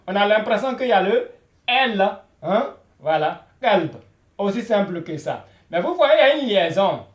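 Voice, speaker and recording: Man teaching beginners, slow patient delivery, lively rising and falling voice, echoey room. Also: sits high. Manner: repetitive, drills each word with frequent "voilà" and "hein?". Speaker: Arabic teacher. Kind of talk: beginner language lesson.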